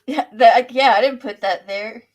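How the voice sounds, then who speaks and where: A woman's voice: on the high side, moderate pace. Giggly woman hosting a livestream. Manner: giggly, animated, says "like" often. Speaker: host. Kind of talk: casual livestream chat.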